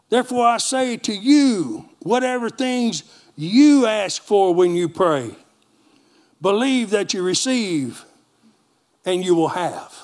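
A man preaching a lively sermon in a church with a Texan accent, calling for amens from the congregation. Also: high-pitched. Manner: animated preaching with call-and-response. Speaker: pastor.

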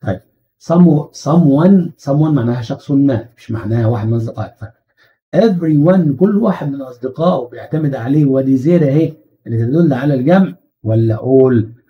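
Male English teacher, Egyptian Arabic accent, medium voice, lo-fi recording, animated and full of rhetorical questions. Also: medium pitch, brisk. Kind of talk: exam-prep grammar lesson.

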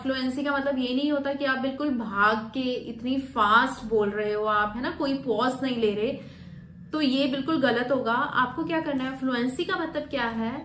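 A woman coaches students for the PTE exam's speaking section in a Hindi-English video lesson, walking through each step and slowing sharply to read sample sentences aloud. Her voice is high and fairly bright. The room gives a noticeable echo, with faint noise in the background.

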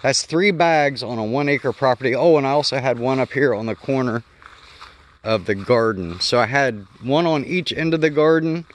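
A man with a mid-range voice speaks at a moderate pace while walking around a garden yard outdoors. As a homestead vlogger, he explains things casually without a script, thinking out loud and self-correcting.

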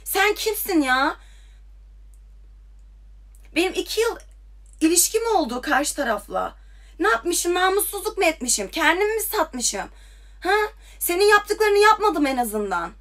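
A woman's voice: very high-pitched, very animated, a little slow, pauses often, a bit bright. A young woman ranting heatedly into her phone on a livestream, firing off confrontational questions. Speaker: TikTok livestreamer. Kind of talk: angry livestream rant.

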